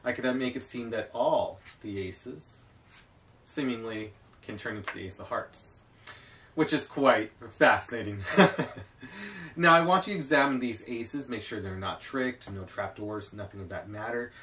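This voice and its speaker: A man performing a card trick as a magician, talking through it to camera with theatrical, drawn-out showman phrasing. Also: lowish voice, pushed and bright. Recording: distant mic, clear background noise.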